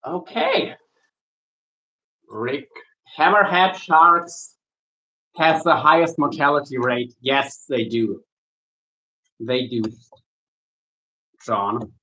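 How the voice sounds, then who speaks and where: A man from Germany, a shark angler chatting casually with viewers while he works, easygoing and halting, often restarting his sentences. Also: mid-range voice, bright, forceful tone, low-quality recording. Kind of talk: casual livestream chat while working.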